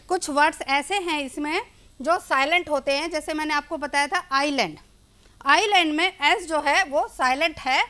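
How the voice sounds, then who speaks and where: A woman's voice: high-pitched, sharp tone. A woman teacher, explaining English words in Hindi to children during a classroom lesson.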